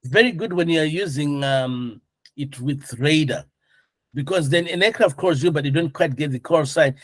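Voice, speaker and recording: This instructor's voice is a little high and his pace moderate. In a dry recording, he gives an informal classroom lecture full of explanations, regularly posing questions to students to see whether they understand.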